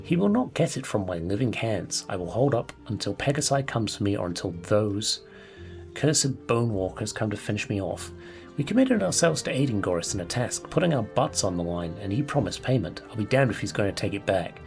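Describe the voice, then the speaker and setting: Man doing a doomed mercenary, gravelly, theatrical put-on accent, game letter read aloud, faint music behind. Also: lowish voice, sing-song, fairly quick, voice pushed down. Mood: grave, desperate. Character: doomed male mercenary writing a farewell letter.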